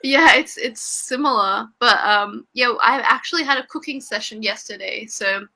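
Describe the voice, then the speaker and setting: A woman's voice: fairly high pitch, normal speed, gravelly, sharp tone. A young Australian woman, an English tutor, chatting casually on a video call with lots of fillers and laughter. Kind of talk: casual online lesson chat.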